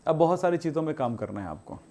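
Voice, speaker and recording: A man's voice: fairly high pitch, expressive, fast, a little mellow. A man teaching a chemistry class, asking his students questions and answering them himself, strict about homework. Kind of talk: classroom lecture.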